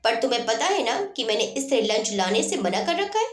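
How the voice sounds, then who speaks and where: Woman doing a guarded male cop, curt questions, lively pitch, storybook reading. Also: fairly quick. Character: male police officer, guarded and suspicious. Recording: roomy echo.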